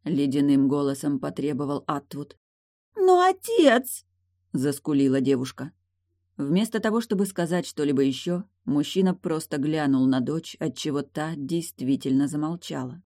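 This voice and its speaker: Brief: low female audiobook narrator, steady, dry studio. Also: normal speed, no echo.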